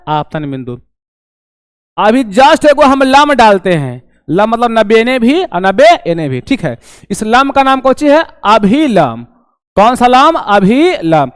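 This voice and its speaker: A young man teaching an online class, animated and acting out his students' questions. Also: extremely high pitch, clear, resonant tone, no room sound, studio quality.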